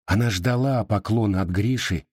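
A man narrating a literary novel in a measured, expressive reading. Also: on the low side, slightly rough, no echo, studio quality. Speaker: audiobook narrator.

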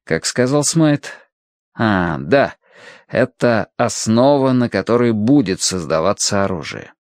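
A man reading a novel aloud as an audiobook narrator, in measured, steady storytelling with acted pauses. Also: medium pitch, dry recording, clean studio sound. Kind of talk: scripted narration.

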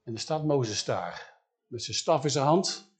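A man's voice: mid-range voice, lively intonation, unhurried. A man retelling a Bible story in a conversational way, with frequent questions to the listener.

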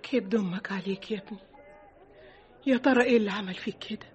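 An actress with an Egyptian accent playing an impatient young woman passerby who scolds her friend briskly in a radio drama. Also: medium pitch, darkish tone, highs cut off, close to an everyday voice. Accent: Egyptian Arabic.

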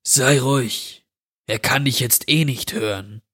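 A man voicing a dirty, menacing stranger who grants children's wishes, speaking with a slow, mocking drawl in a horror story reading. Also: medium pitch, bright, forceful tone.

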